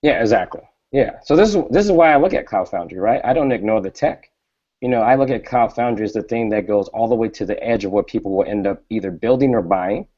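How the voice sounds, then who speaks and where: Low, dark-voiced man explaining tech. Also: expressive, quick pace. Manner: explanatory, often tags "right?". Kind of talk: casual tech panel chat. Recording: dull lo-fi stream audio.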